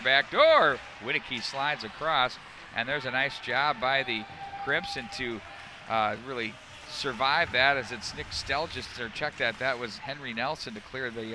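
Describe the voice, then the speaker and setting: A man's voice: mid-range voice, background noise. Man calling hockey at an outdoor rink. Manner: rapid calls that rise sharply on scoring chances. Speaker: play-by-play announcer. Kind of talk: live hockey play-by-play.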